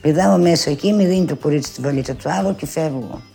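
With a low, creaky voice over faint music, an older woman brings a memory from her younger years to life. She performs each character's quoted speech with animation, repeatedly interjecting "she says."

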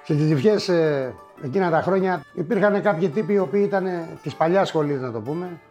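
Middle-aged guy telling old stories, wry, slightly high voice, soft music behind. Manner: unhurried, wry, with many fillers and asides. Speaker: storyteller. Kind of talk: spoken reminiscence.

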